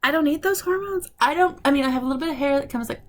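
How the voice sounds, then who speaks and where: A woman in her forties chatting casually in a vlog, telling stories with animated retellings of conversations and sounding frustrated. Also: high voice, racing, slight background noise. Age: 40s. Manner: animated storytelling, acting out quoted conversations; frustrated, ranting. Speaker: vlogger. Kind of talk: casual chat.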